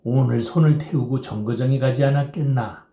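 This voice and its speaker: A man voicing a drunk, boisterous middle-aged rickshaw puller who shouts and slurs in an audiobook reading. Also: mid-range voice, a little fast, reverberant, pitched above the performer's own voice, lightly acted. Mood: drunken storytelling. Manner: loud, slurring drunken shouting.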